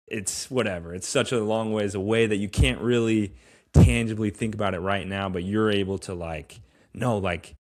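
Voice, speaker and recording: Podcast host, late-twenties male, low pitch, enthusiastic and encouraging. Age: 20s. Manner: eager, affirming listener with frequent fillers. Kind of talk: casual podcast conversation.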